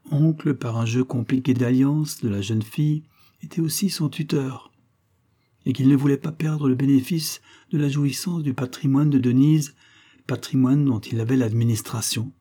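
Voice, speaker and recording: Dark husky male storyteller. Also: mid-range voice. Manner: measured, dramatic reading. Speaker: narrator. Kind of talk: audiobook narration.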